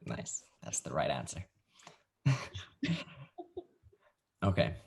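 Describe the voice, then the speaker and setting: A man hosting a casual interview over a video call, his voice pitched very low. His tone is easygoing and jokey as he leads the questions. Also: animated, extremely slow, gravelly, slightly rough. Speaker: podcast host.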